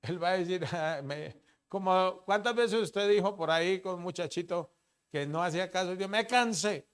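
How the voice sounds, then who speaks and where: A male pastor preaches in a clear, resonant voice that sits a little high. He keeps asking the congregation questions, pushing some lines loud and dropping others to a low murmur. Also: moderate pace. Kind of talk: sermon. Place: church.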